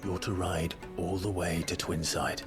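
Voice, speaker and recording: Deep-voiced, stoic mercenary hero. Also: male voice, little pitch movement. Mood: calm, firm. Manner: earnest, restrained, measured. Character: stoic, courteous adult male mercenary hero. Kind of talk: video game drama acting. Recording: game music behind.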